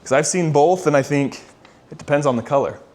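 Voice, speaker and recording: A man's voice: on the high side, brisk, a little mellow. Upbeat man giving a home tour. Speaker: real estate agent giving a model home tour. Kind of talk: walk-through home tour, casual presenting.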